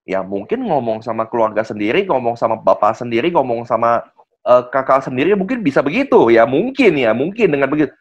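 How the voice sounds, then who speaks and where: A man's voice: medium pitch, big pitch swings, brisk. A man, guest speaker in a casual online presentation, who acts out sales dialogues and keeps addressing the listener politely. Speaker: guest speaker on network marketing. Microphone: video call. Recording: muffled online call audio.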